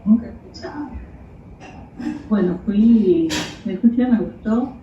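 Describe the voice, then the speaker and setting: Woman, personal faith testimony, halting, searching for words, sounds far from the mic, roomy echo, phone-line audio, faint background noise. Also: medium pitch, animated. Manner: hesitant, searching for words, many restarts; acts out remembered conversations. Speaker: guest giving a faith testimony.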